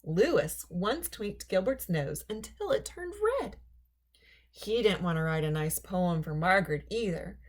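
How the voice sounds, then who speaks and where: A woman with a lowish voice reads a children's story aloud, delivering it in an expressive, deliberate storybook style.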